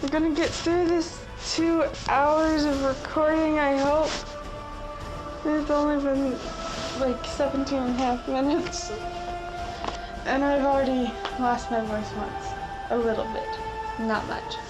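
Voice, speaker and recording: A woman reading a novel aloud with chatty asides, hoarse from losing her voice and often clearing her throat. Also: sits high, fairly even intonation, measured pace, music in the background, rough recording. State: hoarse, recovering voice. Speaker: audiobook reader. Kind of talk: casual book reading with asides.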